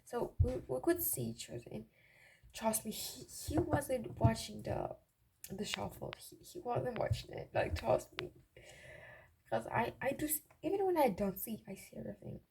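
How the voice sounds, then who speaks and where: In a slightly high, animated voice at a moderate pace, a young woman vlogger rambles through personal stories, giddy and gossipy, often breaking into her own sentences. The recording is raw and amateur, with clear noise and clicks.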